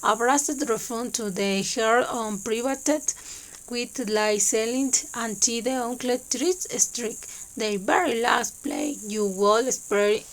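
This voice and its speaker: A woman whose first language is Spanish, reading a novel aloud in a halting, hesitant way with many fillers. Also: a little high, low-quality recording. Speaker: reader.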